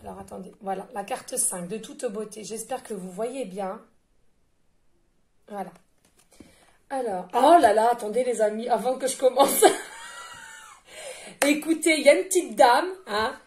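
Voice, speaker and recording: A woman with a high, loud and carrying voice talks through a tarot card reading in a relaxed, chatty way. She laughs often and stumbles over fillers as she goes. No microphone is used, and a faint hiss sits under her voice. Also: a little slow, long pauses. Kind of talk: casual card-reading guidance. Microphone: no microphone, picked up by the device directly.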